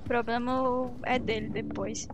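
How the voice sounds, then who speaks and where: A woman with a Brazilian Portuguese accent commentating live on a horror game, chatting casually in an excitable, dramatic way with bursts of repeated words. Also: on the high side, unhurried, highs cut off, background noise. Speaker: streamer playing a horror game.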